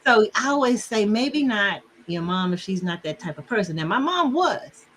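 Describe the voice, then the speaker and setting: A middle-aged woman talks about relationships in a casual, animated way, laughing often and mimicking the people she quotes. Her voice sits in an ordinary mid range. Faint noise sits behind the recording. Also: medium pitch, normal speed. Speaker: relationship counselor guest. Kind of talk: casual conversation.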